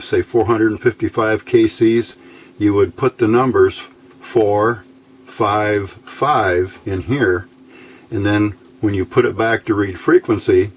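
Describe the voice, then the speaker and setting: A man who tinkers with electronics gives a casual, hands-on demonstration, talking in a folksy, informal, rambling style with a fairly low voice.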